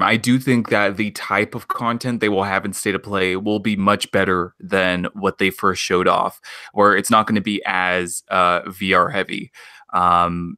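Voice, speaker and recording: A man talking as a podcast guest in casual chat, pausing often with ums and uhs. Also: deep voice, sharp tone, no echo, studio quality. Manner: hesitant, many ums and uhs.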